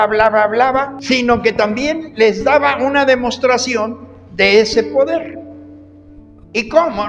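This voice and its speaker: A male preacher giving an animated sermon in a church, repeating words and swinging between loud and hushed. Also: very high voice, dull audio. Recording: reverberant hall, faint music.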